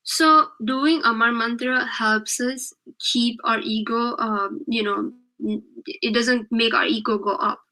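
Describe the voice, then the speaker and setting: A woman leads a children's religious lesson over a video call, speaking slowly and patiently. Her voice is bright and a little high. She keeps checking in with her class as she explains. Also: fairly even intonation, poor audio.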